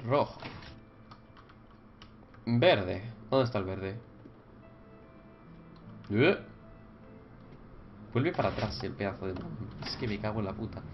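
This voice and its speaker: A foul-mouthed young male gaming YouTuber with a lively pitch provides Minecraft let's play commentary at a slow pace with long pauses. He swears a lot and yells and screams in frustration, yet mutters quietly to himself while solving puzzles. Faint music plays behind him, and the dull lo-fi mic picks up faint noise.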